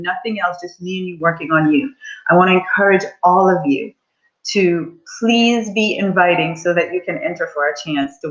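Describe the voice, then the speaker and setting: A money mindset coach in her forties leads a live online coaching session, speaking to her audience in an upbeat, encouraging way. Her voice is lowish and a bit bright, and the sound is lo-fi.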